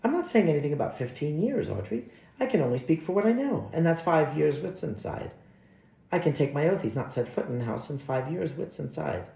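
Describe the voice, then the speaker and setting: A man's voice: on the high side, sing-song, a little fast, creaky, mellow, echoey room. A man voicing a dignified, opinionated older woman who works as a cook-housekeeper and rambles placidly. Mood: gossiping.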